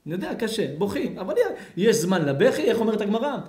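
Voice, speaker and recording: A man, a rabbi, giving a sermon to a congregation, dramatic and swinging from loud outbursts to near-whispers. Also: high voice, sing-song. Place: community lecture hall. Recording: echoey hall.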